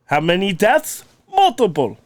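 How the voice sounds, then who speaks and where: A man in his thirties co-hosts a comedy podcast in a hammy, put-on mock Russian accent, dropping little words as he jokes. His voice is high with wildly swooping pitch, his pace unhurried, and the recording dry.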